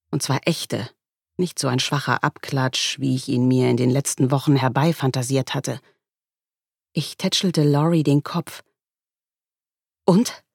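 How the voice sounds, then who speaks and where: Woman reading a story in a wry measured way, dry close sound, kinda breathy. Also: rumbling low, a little mellow, dry recording. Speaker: audiobook narrator. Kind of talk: first-person audiobook narration.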